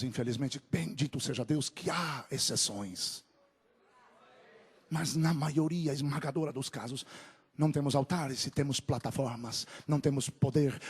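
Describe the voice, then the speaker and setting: A man preaching a sermon, moving from low, quick talk to drawn-out shouted climaxes. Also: husky.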